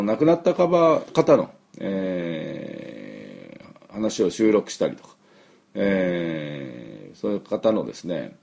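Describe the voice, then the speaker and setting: A middle-aged man giving a chatty weekly pronunciation lesson, slow, with many fillers, saying words for the listener to repeat. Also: low-pitched, gravelly, darkish tone, breathy edge. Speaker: English pronunciation teacher.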